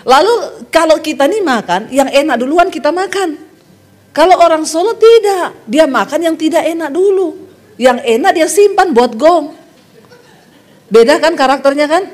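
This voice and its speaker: A middle-aged woman from Sulawesi preaching a humorous sermon, telling lively stories and laughing often. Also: sits high, moderate pace. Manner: lively joking storyteller who laughs often.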